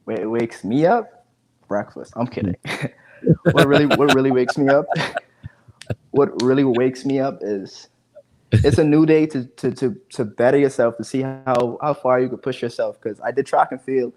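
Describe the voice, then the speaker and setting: The audio is poor, but this man's mid-range voice comes across a little mellow at a normal speed. A digital marketing specialist in his 20s from the Bahamas, he talks casually as a video-call interview guest from home using an earphone headset, frequently repeating words.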